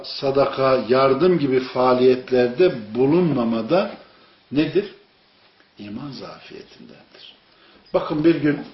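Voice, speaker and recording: A man preaching an informal sermon to a small group, telling stories and asking his listeners questions. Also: a little high. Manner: storytelling, asks the audience questions. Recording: echoey room, dull lo-fi sound.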